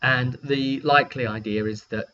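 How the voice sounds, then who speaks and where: Through a dull lo-fi mic with audible hum, a man speaks at medium pitch and a moderate pace, his intonation fairly even and his tone sharp. As game master, he casually rambles through a recap of a tabletop session, wryly performing short quotes.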